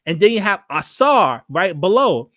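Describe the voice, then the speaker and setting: A man hosting a live stream, teaching and answering viewer questions, often repeating himself and slowly chanting invocations. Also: high voice, very animated, fairly bright tone, no echo. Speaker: host of a live religious show.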